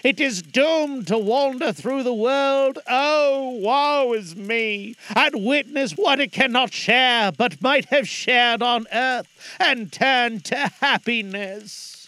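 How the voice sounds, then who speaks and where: A man voicing Marley's ghost, a dead business partner speaking slowly and solemnly in an audiobook. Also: very high-pitched, bright, forceful tone, pitched above the performer's own voice, heavily acted. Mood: mournful. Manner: slow, drawn-out, solemn.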